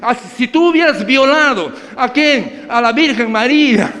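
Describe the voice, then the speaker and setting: A man's voice: animated, normal speed, a bit bright. A preacher voicing a pushy male indulgence seller who wheedles and pleads with buyers, in an echoey church hall. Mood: wheedling. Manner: wheedling sales pitch.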